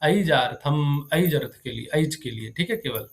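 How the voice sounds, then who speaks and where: Slightly high-voiced man teaching grammar. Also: animated, unhurried, vocal fry. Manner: keeps checking if students understood; quizzes the class with questions. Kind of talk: live classroom lecture.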